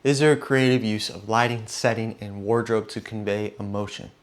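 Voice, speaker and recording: A man's voice: on the low side, level tone, normal speed, background noise. A young man giving a frank, opinionated spoken movie review, with frequent fillers and restarts.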